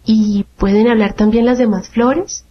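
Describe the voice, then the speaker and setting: A woman's voice: a little high, a little fast, lightly acted. A woman doing curious young Alice. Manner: polite, curious, mild. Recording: dull lo-fi radio sound.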